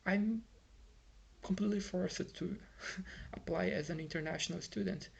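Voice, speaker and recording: This young Brazilian man, a native Portuguese speaker, vlogs in English from his home in Ireland with a Brazilian accent. His voice sits high and creaky at a normal speed, and he rambles in frustration with lots of fillers and restarts. There's slight background noise.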